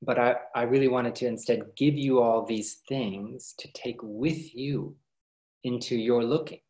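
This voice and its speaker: Man, spiritual talk, gentle, earnest, unhurried, medium pitch, echoey room sound. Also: fairly even intonation. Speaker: spiritual workshop speaker.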